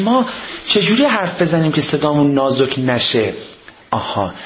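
A man giving a humorous religious lecture, joking and mimicking people as he talks, with big swings in his pitch. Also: slight background noise. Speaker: cleric lecturer. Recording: echoey, dull lo-fi hall recording.

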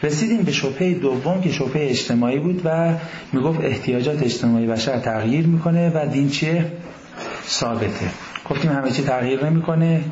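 A man lectures a university class with a lively, questioning manner, his voice sitting a little high. The sound is roomy and echoey, and slightly dull, with faint noise behind it.

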